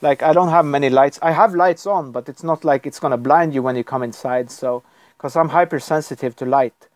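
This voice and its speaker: A man from Norway, whose first language is Norwegian, chats casually on a live stream from his computer, rambling and chuckling a lot. His voice is a little high and his pace brisk, with no echo.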